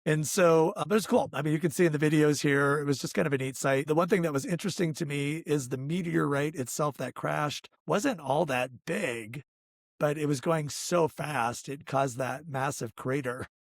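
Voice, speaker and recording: A man with a somewhat high, gravelly voice that is hoarse today chats casually as co-host of a travel vlog. He leads the talk, and the recording is dry and close. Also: moderate pace, no room sound. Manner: chatty, leads the conversation. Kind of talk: casual chat.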